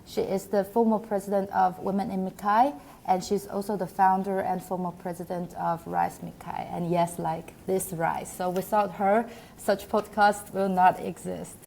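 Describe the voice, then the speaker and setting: A woman's voice: mid-range voice, flat delivery, normal speed, gravelly, darkish tone, slight background noise. A young woman in her twenties, a PhD student hosting a podcast, introducing a guest eagerly and asking questions. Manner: enthusiastic, eager.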